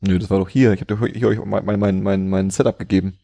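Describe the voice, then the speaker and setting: A man's voice: low voice, steady tone, fast talker, vocal fry, mellow, no echo. A man hosting a podcast in casual chat, playful, often stammering with fillers. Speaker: podcast host. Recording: podcast studio mics, three hosts at a table.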